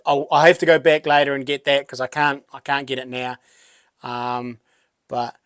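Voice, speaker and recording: Higher-voiced Kiwi bloke with a broad accent. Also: male voice, clean tone, no room sound, clean studio sound. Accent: broad New Zealand. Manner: matey, laid-back and rambling, with local slang. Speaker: livestream host. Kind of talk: casual live chat, answering viewers.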